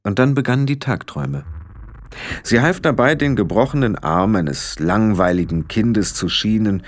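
Ein Mann liest ein Hörbuch lebhaft und ausdrucksvoll vor. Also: male voice, lowish voice, animated, moderate pace, slight background noise. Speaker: audiobook narrator. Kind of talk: scripted narration.

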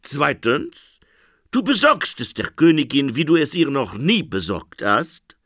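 A smug little goblin man lays out his terms in a slow, mocking voice, as a male reader puts him on. His tone is bright and sly, a comic storybook trickster. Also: fairly high pitch, very animated, gravelly, dry recording, studio quality, exaggerated voice.

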